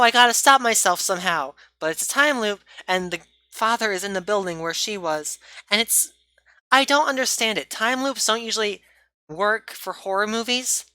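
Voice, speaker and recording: A woman talks through a horror film review in a loose, rambling way, catching her own mistakes and apologizing as she goes. Her voice is bright and a little sharp. The sound is close and dry. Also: medium pitch, no echo. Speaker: movie reviewer. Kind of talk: casual movie review chat.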